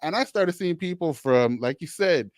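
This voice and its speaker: A man's voice: on the high side, animated, normal speed, no room sound, studio quality. A man hosting a social work podcast who talks in a rambling, conversational way, restarting sentences and filling gaps with "you know". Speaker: podcast host, social worker.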